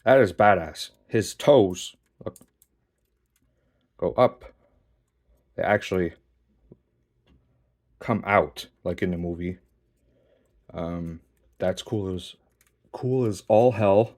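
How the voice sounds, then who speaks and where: A man casually reviewing a model kit while posing it, relaxed, swearing now and then, and a bit out of breath. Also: low voice, slow, pauses often. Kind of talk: casual hands-on toy review.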